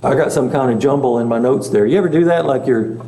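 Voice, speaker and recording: Mellow-voiced pastor in echoey church room. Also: male voice, medium pitch, quick pace. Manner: asks the class questions, chatty asides. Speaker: pastor teaching a Bible study. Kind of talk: conversational Bible lesson. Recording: echoey room, faint hum.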